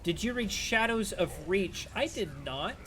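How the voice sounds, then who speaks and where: Streaming a game, a man chats casually with viewers and answers chat between plays in a rambling, talkative way. His high, animated voice is unhurried and sharp, though strained and wearing thin. A slight hiss or hum sits in the recording.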